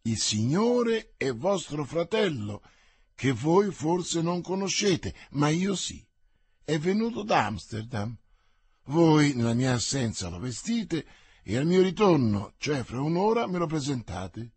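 Man voicing a commanding young musketeer, lively swooping delivery, husky dry storybook read. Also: fairly high pitch, slow, no echo, heavily acted. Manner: energetic, emphatic exclamations. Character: bold young male musketeer, impatient and commanding.

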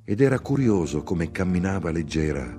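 A man narrating a novel aloud in an expressive literary reading style. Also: low-pitched, moderate pace. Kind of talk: audiobook reading.

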